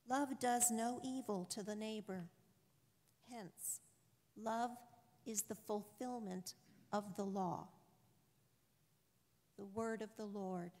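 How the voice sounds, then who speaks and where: Slow woman reader in cathedral echo. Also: mid-range voice, steady tone, a little mellow. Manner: measured, solemn reading aloud. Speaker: lector. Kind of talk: slow liturgical scripture reading. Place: large church. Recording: long church reverb.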